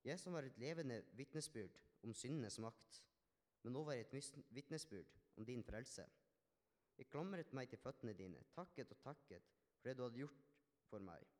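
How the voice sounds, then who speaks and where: A man's voice: medium pitch, lively intonation, darkish tone, lightly acted. A man playing a healed Samaritan leper man, telling his story in an earnest, reflective first-person monologue with small restarts. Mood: grateful. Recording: long hall reverb.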